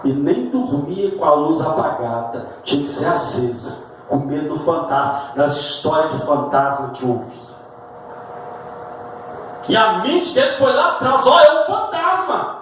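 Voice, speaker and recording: A man's voice: a little high, very animated, unhurried. Pentecostal preacher, male, Brazilian Portuguese accent, fervent delivery, recorded from afar with faint hall noise. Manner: impassioned preaching, rising to shouts. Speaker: pastor. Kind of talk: sermon. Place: church sanctuary. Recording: echoey church from far off with faint ambient noise.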